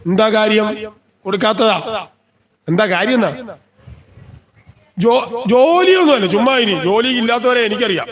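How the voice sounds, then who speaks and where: A man's voice: high voice, animated, moderate pace, long pauses, a crowd in the background. A man giving a devotional scripture discourse at a temple, often asking the listeners questions and then answering them himself. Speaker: religious discourse speaker. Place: temple gathering.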